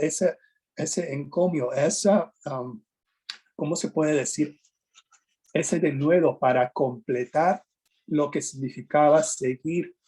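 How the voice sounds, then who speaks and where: A man's voice: on the high side, dark tone, husky. A man preaching a sermon in a church, earnest and emphatic, often asking rhetorical questions and restarting his phrases. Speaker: pastor. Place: church sanctuary.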